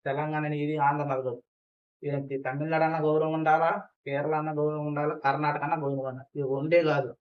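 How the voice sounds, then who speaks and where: A man's voice: high-pitched, lo-fi sound. A man giving heated, repetitive commentary on an online dispute, lecturing his viewers. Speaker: YouTube commentator. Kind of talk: reaction commentary.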